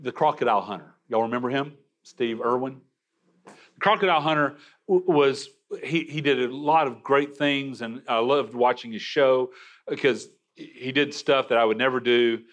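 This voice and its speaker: A man's voice: mid-range voice, moderate pace, a bit bright. A man preaching a sermon, emphatic, with frequent restarts. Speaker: pastor.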